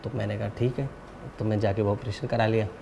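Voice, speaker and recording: A man, a guest singer, talking in a relaxed, soft-spoken way in a casual interview, often checking in with the listener. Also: fairly low pitch, quick pace, gravelly, a little hiss or hum. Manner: relaxed storytelling, often ending with a tag question.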